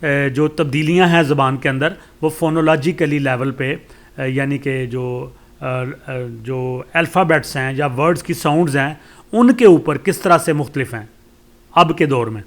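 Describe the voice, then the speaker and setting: A man with a Pakistani accent teaching a lesson. He reads English lines slowly, then explains them at length with many hesitations. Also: mid-range voice. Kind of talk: lecture explaining a course text.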